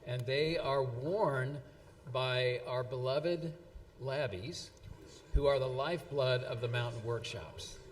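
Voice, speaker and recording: A man's voice: medium pitch, a little hiss or hum. A man giving a speech at an event, stringing together quotations in a middling voice and stumbling over words with frequent fillers and restarts. His voice carries through a hall with a long reverb tail. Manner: halting, many fillers and restarts. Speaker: event presenter.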